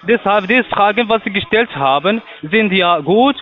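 A man from Portugal, working as a call center agent and speaking halting, broken German in a long-winded way. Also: high-pitched, lively intonation. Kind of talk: phone sales call. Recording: tinny phone line.

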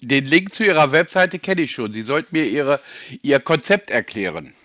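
A man's voice: medium pitch, expressive, moderate pace, pushed and bright, no room sound. A man with a native German accent, questioning bluntly and pedantically as a customer on a phone call. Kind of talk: probing phone conversation. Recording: dull, lo-fi phone audio.

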